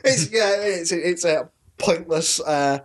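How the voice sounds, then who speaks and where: A man's voice: a little high, takes it slowly. A man in a casual chat who often stammers as he starts a sentence and laughs a lot while he talks. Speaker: podcast co-host.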